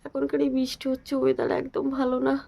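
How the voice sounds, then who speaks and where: A woman with a sore, hoarse throat talking softly and half-whispering in a casual home vlog. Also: high voice, monotone, fast. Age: adult with a daughter. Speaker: vlogger.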